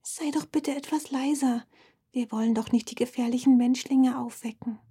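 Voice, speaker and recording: A woman voicing a small, timid female blue fox in a children's audio story, speaking softly and anxiously. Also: medium pitch, expressive, unhurried, slightly rough. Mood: hushed. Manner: soft, hushed and anxious.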